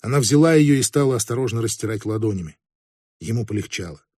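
Male audiobook narrator, measured delivery, dark tone, dry close sound. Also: mid-range voice, animated, slightly rough, no echo.

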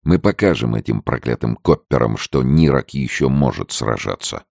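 A man voicing a battle-hardened outlaw chief in an audiobook, with a deep gravelly voice and a slow, somber, fatalistic manner. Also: lively intonation, darkish tone, no room sound, studio quality, exaggerated voice. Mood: defiant. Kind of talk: audiobook character voice.

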